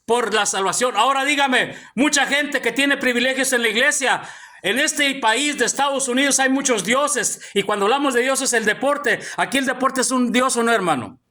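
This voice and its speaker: An extremely high-pitched, sharp male voice at a moderate pace preaches to a congregation in a church hall. The pastor calls out "hermano" to his brothers over and over.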